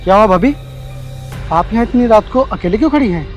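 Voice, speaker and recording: A young man playing an eager younger brother-in-law who coaxes and flatters. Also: high voice, fast talker, highs cut off, soft background music. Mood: coaxing. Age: young adult. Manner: coaxing, flattering.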